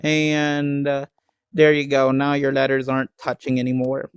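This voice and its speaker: A man giving a step-by-step game building tutorial in a slow, halting way, pausing often with ums and restarts, and hiccuping now and then. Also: medium pitch, completely flat delivery, clear, resonant tone, dull audio, soft background music.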